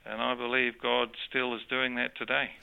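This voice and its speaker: Speaking at normal speed with little pitch movement, this medium-pitched man has some vocal fry and a clean tone over phone-quality sound. He's an interview guest with a New Zealand accent who was born in Australia and grew up in New Zealand. He tells his faith story earnestly and conversationally, with frequent restarts.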